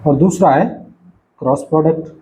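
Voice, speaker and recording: A man's voice: fairly high pitch, moderate pace, mellow, a little hiss or hum. A man teaching a lecture at a writing board, explaining patiently and repeating himself with frequent checks that his students are following. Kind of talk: recorded lecture. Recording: dull lo-fi recording.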